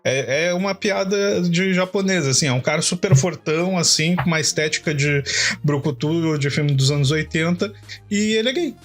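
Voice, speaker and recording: A man's voice: on the high side, normal speed, soft background music. A young adult man, chatting casually and jokingly as a podcast co-host. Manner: animated, jokey, lots of filler words. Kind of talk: casual chat.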